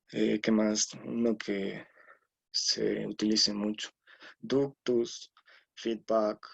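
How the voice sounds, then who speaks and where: A man's voice: fairly low pitch, creaky, a little mellow, no room sound. A man from Ecuador giving an explanatory lecture on scientific writing, often checking in with tag questions and fillers.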